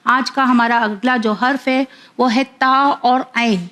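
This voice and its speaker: A woman teaching children Quran reading in a patient voice, with a Pakistani Urdu accent, spelling out each letter pair slowly and repeating it twice. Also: on the high side, steady tone, a bit bright. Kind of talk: slow syllable-by-syllable recitation lesson.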